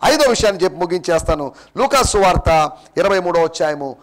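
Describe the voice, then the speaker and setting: A man's voice: sits high, animated, fairly quick. A man preaching a sermon as pastor, emphatic and repetitive, often repeating his points in English.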